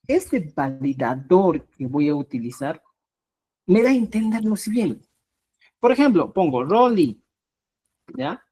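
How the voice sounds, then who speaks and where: A woman teaching a live online language class, explaining slowly and repeating herself, with a constant "¿ya?" to check her students follow. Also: on the low side, a little mellow, husky. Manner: slow, repetitive explanations with rising emphasis.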